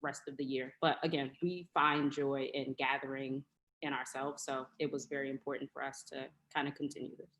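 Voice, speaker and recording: Flat-toned male panelist on a call. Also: medium pitch, fairly quick, slight background noise, low-quality recording.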